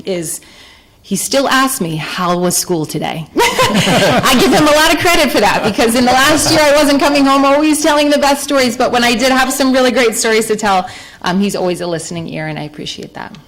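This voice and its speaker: A woman in her forties, an elementary school educator, giving an emotional, earnest acceptance speech at a town board meeting, with frequent ums. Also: mid-range voice. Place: town hall council chambers.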